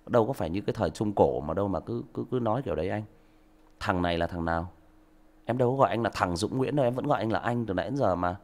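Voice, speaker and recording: Male livestream host, gravelly, indignant and lecturing. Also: on the low side, very fast. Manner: lecturing, indignant, rhetorical questions. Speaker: audiobook narrator and livestream host. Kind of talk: livestream talk to listeners.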